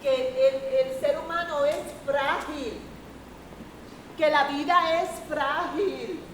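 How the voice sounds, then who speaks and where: A woman teaching a Bible class, speaking earnestly to her students and quoting verses slowly. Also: high-pitched, lively intonation. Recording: echoey room from far off, noisy.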